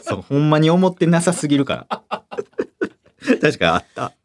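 A man's voice: on the high side, very animated, moderate pace. A young man with a Kansai accent, chatting casually as a comedian co-host, laughing often and acting out quotes. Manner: laid-back, laughs often, acts out quotes. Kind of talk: casual chat.

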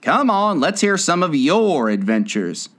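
A man voicing a solemn, impatient male griffin who talks slowly. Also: on the high side, sing-song, a bit bright, voice pushed up. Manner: slow and solemn.

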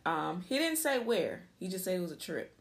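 Woman, podcast co-host, casual chat, animated, slangy, repeats herself. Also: on the low side, moderate pace.

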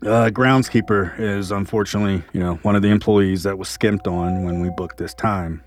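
A man's voice: low-pitched, fairly even intonation, moderate pace, faint music behind. A man voicing a boastful male driver who brags about money and connections, stumbling over fillers. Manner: bragging, fumbling with fillers.

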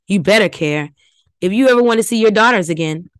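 A woman voicing a cold, scheming male villain in a story reading, with a slow, smug drawl. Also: mid-range voice, expressive, dry recording, close to an everyday voice, poor audio. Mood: sneering. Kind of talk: audiobook reading.

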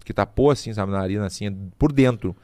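A middle-aged man, a podcast guest telling stories in a casual, lively way. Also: fairly low pitch, fast talker, dry recording. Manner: lively, vivid storyteller who adds sound effects. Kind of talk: casual storytelling. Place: podcast studio.

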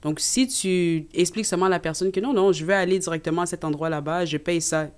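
A woman, a guest in a casual interview, telling lively anecdotes. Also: fairly low pitch, fast. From Canada. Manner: animated, tells anecdotes.

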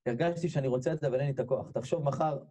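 Male sermon storyteller, warm and relaxed tone, jumps high for quoted voices. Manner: animated, voice leaps high when acting out quoted people; repeats phrases, addresses listeners directly. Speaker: religious speaker.

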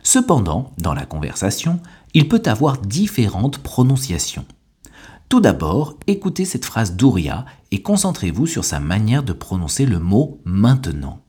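Husky low-voiced man teaching. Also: wildly swooping pitch, a little mellow. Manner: clear, deliberate teaching delivery. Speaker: French teacher and podcast host. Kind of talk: scripted language lesson.

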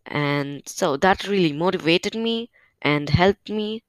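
Speaking slowly and smoothly in a mid-range voice, a home podcaster tries out a new stand-mounted mic for a casual solo update. They sound a bit nervous and hesitant, with frequent fillers, and the recording has no room sound.

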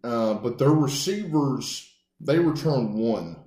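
A man co-hosting a sports podcast, animated, with mock-announcer asides in casual chat. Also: mid-range voice, slow pace. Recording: roomy echo.

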